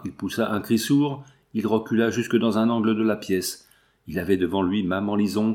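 A man reading a novel aloud in measured, dramatic narration. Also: on the low side, a little mellow. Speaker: audiobook reader. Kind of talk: scripted narration.

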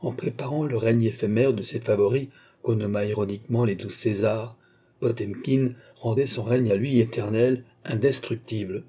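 A man narrating a classic novel as an audiobook in an even, measured reading. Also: fairly low pitch, slightly rough. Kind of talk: scripted narration.

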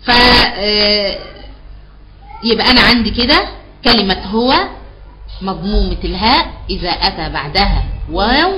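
A woman's voice: mid-range voice, lively intonation, normal speed, long pauses, highs cut off. A woman with an Egyptian accent teaching a live online Quran recitation class, patiently explaining and repeating key terms back as questions. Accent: Egyptian Arabic.

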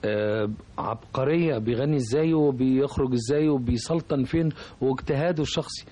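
A man with an Egyptian accent, a composer being interviewed on radio, talking reflectively and pausing often to find his words. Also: mid-range voice, warm tone. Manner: reflective, hesitant, searching for words. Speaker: composer, guest.

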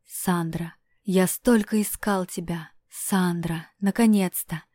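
A woman reading an audiobook and voicing an obsessed, desperate male prince who speaks fervently, often in hoarse whispers. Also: fairly low pitch, steady tone, slow, mellow, no room sound.

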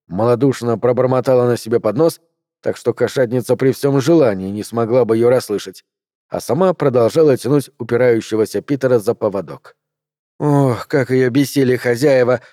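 A man reading a novel aloud as an audiobook narrator, in a steady, measured storytelling delivery. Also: medium pitch, dry recording, clean studio sound.

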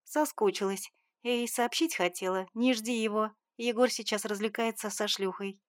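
A woman's voice: mid-range voice, normal speed, no echo, clean studio sound, lightly acted. A woman voicing a spiteful, scolding middle-aged mother in an audiobook, talking sharply and with scorn. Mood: mocking.

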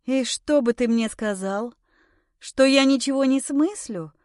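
A woman voicing a weary, cool-headed woman of forty-two who speaks calmly and coldly. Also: sits high, measured pace, dry recording, clean studio sound. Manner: calm, weary, cold.

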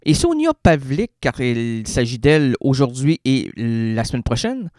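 Québécois man with a wildly animated voice. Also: medium pitch, unhurried, dry recording, studio quality. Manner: theatrical, rambling, playful wordplay. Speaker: radio columnist. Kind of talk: absurdist comedic radio monologue.

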